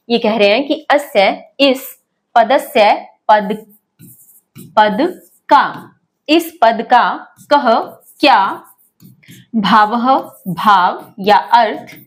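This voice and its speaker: Woman teacher, slightly high voice, patient step-by-step explanations. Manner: patient, slow and repetitive, asks pupils questions. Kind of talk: online lesson, explaining word by word.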